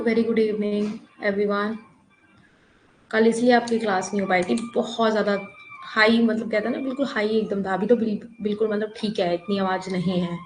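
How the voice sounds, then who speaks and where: A woman's voice: medium pitch, a little mellow. Chatty woman teacher, encouraging. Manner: chatty and encouraging, checks understanding often. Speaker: online economics exam teacher. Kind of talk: live online class. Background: faint noise from a nearby wedding hall.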